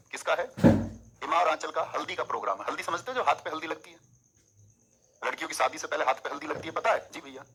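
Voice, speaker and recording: Bright, husky male coaching teacher. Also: a little high, rough recording. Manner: animated, coaxing students with memory tricks. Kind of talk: exam coaching lecture.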